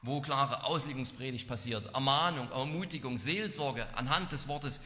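A man preaching an expository sermon in an earnest, measured way. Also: medium pitch, bright, forceful tone. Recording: long hall reverb.

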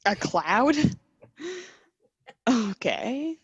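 A woman's voice: on the high side, sing-song, extremely slow, muffled recording. A young woman chatting casually and giggly as a co-host, recording from inside a closet at home. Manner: giggly, conversational. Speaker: podcast co-host. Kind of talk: casual chat.

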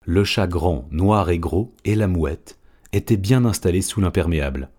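A man narrating an audiobook in a steady, measured storytelling manner. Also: low voice.

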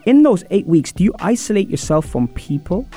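A man's voice: high voice, very animated, moderate pace, mellow. A man hosting a sports talk show, interviewing a guest in a chatty, informal way. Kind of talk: casual radio interview. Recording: music playing behind the voice.

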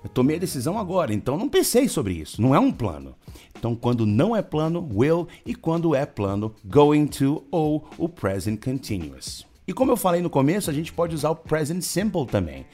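A man teaching an English grammar lesson, who models example phrases slowly and repeats them. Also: on the high side, wildly swooping pitch, mellow, soft background music.

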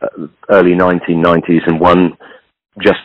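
Guy in his 60s, really low voice, dry close sound, frank and rambling. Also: monotone, normal speed, no echo, dull audio. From British. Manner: frank, rambling, self-deprecating. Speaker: podcast guest, clothing entrepreneur. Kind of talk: casual conversation.

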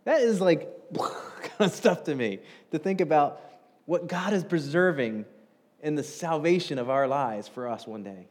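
A man preaching a sermon in a conversational, animated way, rising in pitch and volume when he stresses a point. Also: a little slow. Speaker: pastor.

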